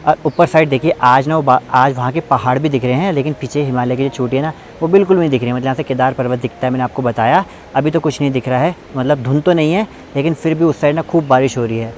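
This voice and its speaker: A man's voice: medium pitch, fast talker, slight background noise. A young man from Uttarakhand, vlogging in a casual, chatty way while walking outdoors in hill country. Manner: chatty, leaning on fillers and loose restarts.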